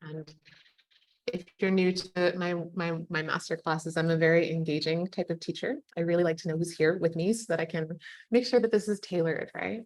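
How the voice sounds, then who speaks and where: A young adult woman teaching an online nutrition master class, warm and affirming, with casual filler words. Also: on the low side, fairly even intonation, moderate pace, no echo. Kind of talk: live webinar teaching, reading chat comments.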